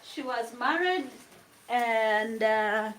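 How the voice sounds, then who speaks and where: Cooking in her home kitchen, a young vlogger with a Ugandan accent reads out viewers' live comments and answers them in relaxed chat, laughing frequently. She moves back and forth between English and Luganda. Her voice sits on the high side and she draws out her words, with background noise audible.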